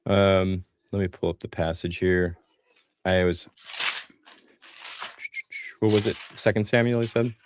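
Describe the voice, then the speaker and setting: A young adult man from Greece hosting a casual debate stream, talking fast and heated, cutting in over the other person. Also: low voice, steady tone, smooth. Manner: quick, heated, interrupting.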